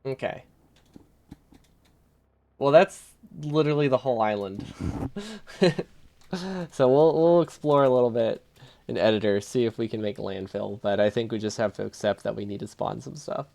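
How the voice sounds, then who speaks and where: A man's voice: mid-range voice, moderate pace, vocal fry, long pauses, darkish tone. A man streaming a video game live, thinking aloud, chuckling often and answering his chat in a casual, easily amused way.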